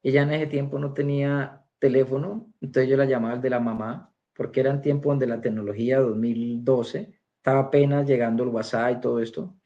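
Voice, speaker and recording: A man recounts his church testimony in a storytelling manner, switching into the voices of the people in his story. His voice sits at a middle pitch. The recording sounds dull and lo-fi. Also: flat delivery, a little fast. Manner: storytelling, acting out quoted dialogue. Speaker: church member giving a testimony. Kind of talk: spoken personal testimony.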